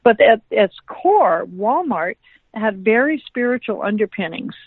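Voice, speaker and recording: A woman guest speaking by phone on a radio show, her voice mid-pitched and close. She explains ideas in a measured, thoughtful way. The line is thin and tinny. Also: expressive, breathy edge, no room sound. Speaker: guest author. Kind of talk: interview answers.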